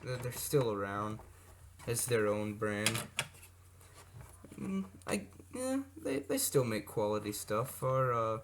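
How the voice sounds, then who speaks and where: A fairly low-pitched, expressive man takes his time presenting vintage electronics as a hobbyist. The casual, unscripted show-and-tell rambles with asides and self-corrections, and the amateur recording is noisy with clicks.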